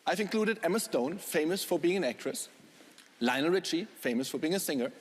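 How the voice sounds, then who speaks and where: A man's voice: on the high side, lively intonation, brisk. A man performing as a stage magician, giving patter to a theatre audience. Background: music and audience.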